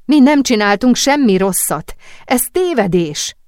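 A woman voicing a frightened young woman who pleads and protests in a high, agitated voice. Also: expressive, darkish tone, dry recording, clean studio sound, lightly acted. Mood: desperate.

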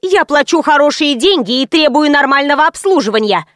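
A haughty, capricious client scolding shrilly, as a woman reads her. Her voice rides high and indignant, recorded dry and close. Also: lively intonation, fairly quick, a bit bright, dry recording.

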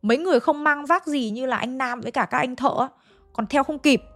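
A woman's voice: high-pitched, fairly quick, fairly bright tone, no room sound. Chatty woman telling ghost stories. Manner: chatty, addresses listeners directly. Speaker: storyteller. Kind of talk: ghost story narration.

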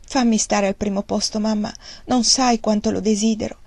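A woman reading the part of a devoted young daughter who pleads softly and earnestly. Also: mid-range voice, fairly even intonation, normal speed, vocal fry, dry recording. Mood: pleading.

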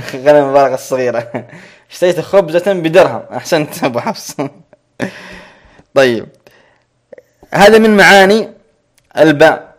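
A man teaching a grammar lesson, repeating each point slowly and checking that students follow. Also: a little high.

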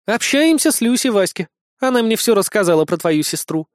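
A man's voice: high-pitched, expressive, a little fast, no room sound, clean studio sound, voice pushed up. Man doing a teasing young empress. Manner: teasing, affectionate. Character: playful confident young empress.

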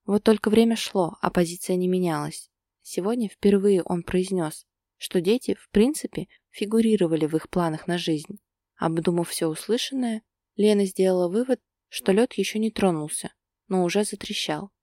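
A woman narrating a romance story in steady, scripted audiobook style. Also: medium pitch, moderate pace, no echo, studio quality.

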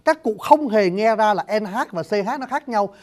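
A man's voice: high-pitched, animated, moderate pace, darkish tone. A man giving a spoken lecture on speech sounds, addressing his listeners formally and saying each sound aloud as an example. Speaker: teacher of Vietnamese phonetics.

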